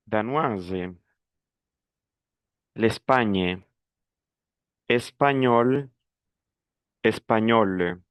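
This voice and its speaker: A man teaching a lesson, saying each word slowly and deliberately for the listener to repeat. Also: fairly low pitch, fairly bright tone, clear, resonant tone, dry recording. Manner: slow, deliberate, word-by-word repetition. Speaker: French teacher. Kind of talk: pronunciation drill lesson.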